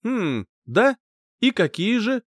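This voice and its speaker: A brash young knight with a bright, lifted voice, as a male narrator acts him out. He teases and jokes, his pitch jumping lively from line to line. The reading is dry and close to the mic. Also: slow pace, dry recording, full character voice. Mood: curious. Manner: teasing, playful grin in the voice. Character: cheerful cocky young man, a skilled knight.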